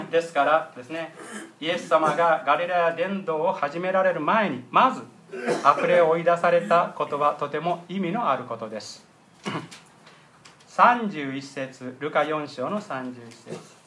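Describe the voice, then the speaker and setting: Man pastor giving a sermon, kinda high voice, emphatic, keeps saying ですね. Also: measured pace, sharp tone. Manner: earnest, emphatic preaching with frequent ですね fillers.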